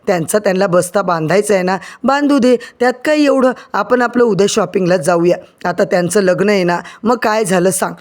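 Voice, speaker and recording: A man voicing a calm older father-in-law who placates his family in a retold serial. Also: high voice, brisk, few pauses, close to an everyday voice. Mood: soothing.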